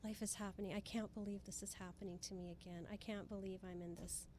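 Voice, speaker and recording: A woman from Hawaii appears as a spiritual guest in a conversational interview, giving earnest, emphatic motivational explanations and repeating phrases. She talks fast in a warm, mid-range voice with a steady tone, and there's slight background noise.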